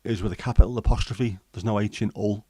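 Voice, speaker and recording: An English man hosts a livestream, chatting casually and reading out and answering live comments, rambling with lots of ums and restarts. His voice is fairly low and mellow with a breathy edge, and his intonation stays fairly even. He talks fast, and the recording is dry.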